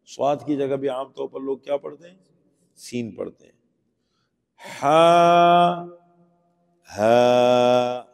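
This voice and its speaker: Teacher drilling letter sounds in a hall. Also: male voice, mid-range voice, steady tone, vocal fry, mellow. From Pakistan. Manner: patient, asks the class questions and drills letter sounds aloud. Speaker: Quran teacher. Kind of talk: classroom Quran pronunciation lesson. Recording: long hall reverb.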